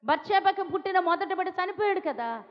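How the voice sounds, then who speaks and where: A woman's voice: extremely high pitch, lively intonation, fairly quick. A woman from India with a Telugu accent, preaching a sermon with emphatic repetition, pleading tone and rhetorical questions. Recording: dull sound with long hall reverb.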